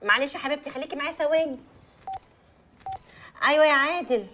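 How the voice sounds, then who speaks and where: A woman with an Egyptian accent playing the bride's calming, coaxing close friend in a film drama. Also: high-pitched, fast talker, slight background noise. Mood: soothing. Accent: Egyptian Arabic. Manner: calming, coaxing, juggles two phone calls.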